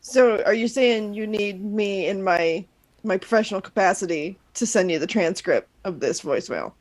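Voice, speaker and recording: A woman's voice: mid-range voice, lively intonation, moderate pace, darkish tone. A woman co-hosting a casual podcast, explaining things in a wry tone. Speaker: podcast co-host. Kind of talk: casual chat.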